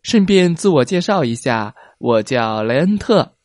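A man voicing an excited, cheeky little boy who talks in eager exclamations. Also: medium pitch, unhurried, dry recording, clean studio sound.

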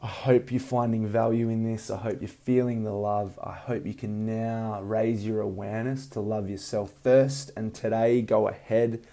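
A man with a mellow, relaxed voice and a gravelly edge speaks as a motivational coach. He is earnest and deliberate, repeating phrases for emphasis as if leading listeners through self-improvement and meditation. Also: fairly low pitch. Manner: earnest, emphatic repetition, unhurried guiding. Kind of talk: motivational talk with guided breathing meditation.

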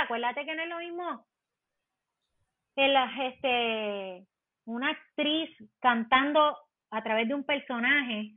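Woman, Puerto Rican accent, podcast guest, animated explaining, higher voice, dry tinny phone-like sound. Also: dry recording. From Puerto Rico. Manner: animated, explanatory, many fillers. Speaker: actress guest. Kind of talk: podcast interview chat.

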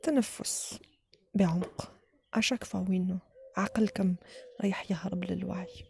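A woman with an Algerian accent leads a guided relaxation in a soft, often whispered voice, giving short instructions with pauses between them. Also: lowish voice, steady tone, creaky, a little hiss or hum. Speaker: guided meditation leader.

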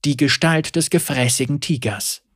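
A man narrating a scripted fantasy story in a measured, grave storytelling manner. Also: mid-range voice, husky, no room sound, studio quality.

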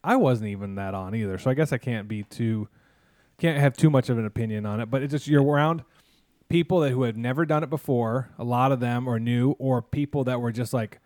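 A man of middling pitch tells long, meandering stories in a casual chat, leaning on "um" and restarts and dropping sarcastic asides. His voice sounds close and dry, with no room around it. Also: a little fast, a little mellow, no echo. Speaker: podcast host, mascot performer.

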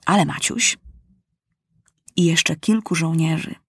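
A woman narrating a children's storybook aloud, animated and acting out the characters. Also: deep voice, slow, husky, dry recording, clean studio sound.

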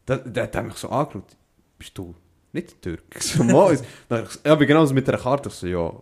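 A young man with a Swiss German accent telling stories in casual podcast chat, slangy and quick to laugh. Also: mid-range voice, slightly rough. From Switzerland. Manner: lively storyteller, slangy, laughs often. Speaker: podcast co-host.

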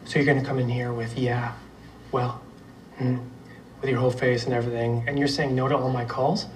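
A man's voice: mid-range voice, level tone, slight background noise, close to an everyday voice. An actor playing a brash, cocky man who mockingly needles a cornered friend, in a TV drama clip. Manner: mocking, crude, fast needling. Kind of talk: TV drama dialogue. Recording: roomy far-off clip with faint background ambience.

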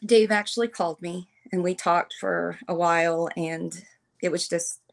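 Earnest woman in her fifties, halting. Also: on the low side, steady tone, gravelly. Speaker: podcast guest, military veteran. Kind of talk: personal storytelling in conversation.

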